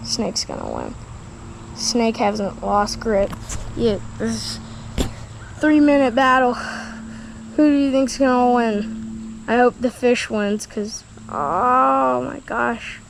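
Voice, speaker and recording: Woman vlogger, high voice, unhurried, excitable exclamations, action-cam audio outdoors with faint background hiss. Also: gravelly, rough recording. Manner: excitable, exclaiming, talking to camera. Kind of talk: casual vlog commentary. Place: outdoors by a creek. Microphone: action camera mic.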